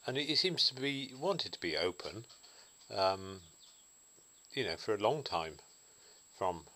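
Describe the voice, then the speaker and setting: Guy thinking out loud on his vlog, lowish voice but bright and forceful, musing. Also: sing-song, unhurried, slight background noise. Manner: musing, thoughtful. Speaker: vlogger. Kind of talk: reflective solo monologue.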